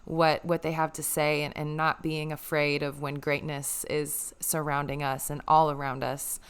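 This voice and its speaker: A woman's voice: sits low, level tone, moderate pace, smooth. A young woman hosting a podcast, talking in an earnest, emotional way and sharing her story. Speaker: podcast host. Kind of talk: casual heartfelt chat.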